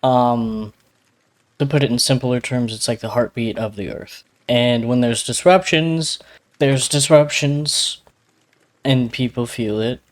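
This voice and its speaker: A man's voice: medium pitch, a little slow. A man co-hosting a podcast, with a slight lisp, explaining things in a rambling, hedging way full of fillers. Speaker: podcast co-host. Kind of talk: casual podcast chat.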